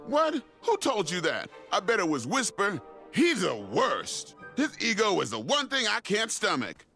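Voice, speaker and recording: An actor playing a gruff, defensive male knight in a video game, blustering and touchy. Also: high-pitched, wildly swooping pitch, measured pace, bright, forceful tone, soft background music, heavily acted.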